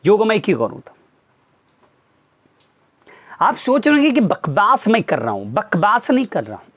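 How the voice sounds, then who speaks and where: A man's voice: sits high, huge pitch swings, normal speed, a bit bright. A man, a teacher, earnestly lecturing his students with pointed rhetorical questions. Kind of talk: motivational talk to students.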